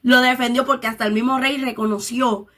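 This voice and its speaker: A woman's voice: a little high, fairly even intonation, brisk, sharp tone. A woman leading a Bible study, reading scripture aloud and explaining it in her own words, dropping in English interjections. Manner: reads scripture aloud and paraphrases it.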